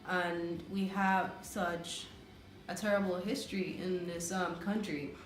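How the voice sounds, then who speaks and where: A woman's voice: fairly low pitch, fairly even intonation, takes it slowly, echoey room, slight background noise. A woman from the Caribbean, co-hosting a casual couple's vlog, talking earnestly with many fillers and restarts. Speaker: vlogger, co-host of a couple's channel. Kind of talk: casual chat.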